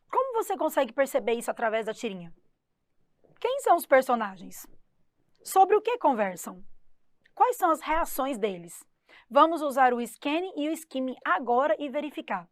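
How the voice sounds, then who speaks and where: A woman's voice: high-pitched, no room sound, clean studio sound. A woman with a Brazilian accent, an English teacher running an exam-prep lesson. She explains step by step, asks the class rhetorical questions and refers to herself as the teacher.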